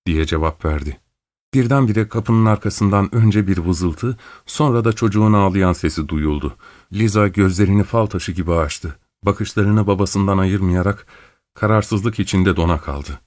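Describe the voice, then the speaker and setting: A man reading a classic novel aloud, calm and measured. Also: dry recording, studio quality. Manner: calm, measured reading; raises pitch for female characters' quoted lines. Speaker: audiobook narrator. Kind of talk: scripted literary narration.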